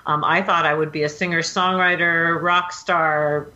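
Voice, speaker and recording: Woman from oregon, very low voice, bright and forceful tone, earnest with many pauses. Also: fairly even intonation, muffled recording. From Portland, Oregon, USA. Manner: earnest, hesitant with fillers. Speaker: film composer guest. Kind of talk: casual interview storytelling.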